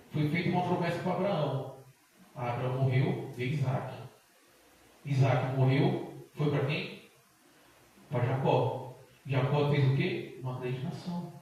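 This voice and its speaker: A middle-aged man from Brazil preaches with fervor, his voice high and bright, swinging from pleading tones to loud bursts. He is picked up from well off the mic, and the church hall rings with heavy echo under a faint hiss. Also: far from the mic. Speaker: deacon preaching. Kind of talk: Pentecostal sermon. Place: church sanctuary.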